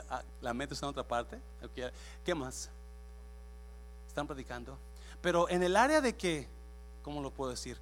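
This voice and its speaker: A man's voice: medium pitch, lively intonation, measured pace, pauses often, a little hiss or hum. A man preaching a sermon in church as pastor. He preaches with emphasis, repeats his phrases, quizzes the congregation and drops English words into his speech.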